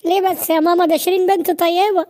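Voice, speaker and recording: A stubborn young cartoon man insists on getting his way, in an Egyptian Arabic accent, as a woman voices him. His voice is very high. He pleads and argues. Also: fairly even intonation, racing, darkish tone. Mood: insistent.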